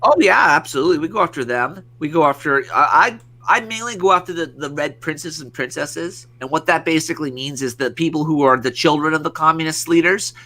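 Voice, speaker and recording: Guy hosting a podcast, rambles and swears a lot, bright edgy voice. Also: on the high side, a little fast, few pauses. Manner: rambling, profane, many restarts. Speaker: podcast host. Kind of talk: casual profane podcast rant.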